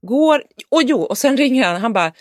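A woman co-hosting a podcast, a mother who tells stories in an animated way and acts out both sides of each conversation. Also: sits high, no room sound, studio quality. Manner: animated storytelling, acting out conversations. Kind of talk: casual chat among friends.

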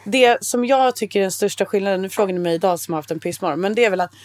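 A woman's voice: medium pitch, darkish tone. A woman in her thirties co-hosting a casual podcast, talking frankly and plainly and swearing casually. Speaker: podcast co-host.

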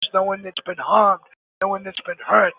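Man on a prison phone, high and gravelly, husky, tinny phone-line sound, emphatic, repeats himself. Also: little pitch movement, normal speed. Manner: earnest, emphatic, repeats key phrases. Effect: heard over a prison phone line. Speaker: caller, an inmate phoning in. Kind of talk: phone interview.

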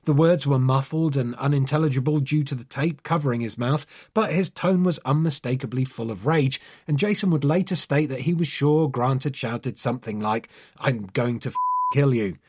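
Husky male storyteller, measured and dramatic. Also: mid-range voice, a little mellow. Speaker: narrator. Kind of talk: scripted true-crime style story narration.

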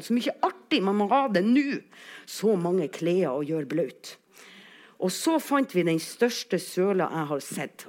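A woman actress telling a personal story as a monologue, acting out the quoted lines with big changes in loudness. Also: on the low side. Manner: animated, acts out quotes with big shifts in loudness.

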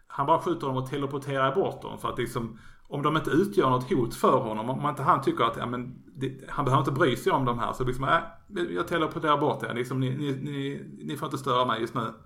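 A man's voice: mid-range voice, a bit bright, echoey room. A man hosting a casual podcast about comics, talking hesitantly with many fillers and restarts. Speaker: podcast host.

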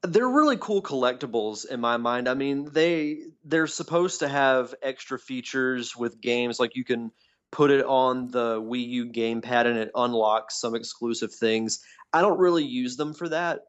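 A man's voice: medium pitch, moderate pace. A man co-hosting a casual podcast, calling in by phone so his voice sounds tinny and metallic, chatting eagerly like a fan. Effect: tinny phone-line sound. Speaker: podcast co-host. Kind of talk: casual chat. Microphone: phone call. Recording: dull lo-fi phone line.

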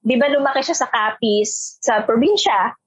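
A woman's voice: on the high side, normal speed, husky, no echo. A feisty, talkative woman in her twenties from Metro Manila with a Filipino accent, telling stories in casual chat and acting out the voices she quotes. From Metro Manila, Philippines. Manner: animated, switching between Tagalog and English, acts out quoted voices. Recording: dry, slightly muffled recording.

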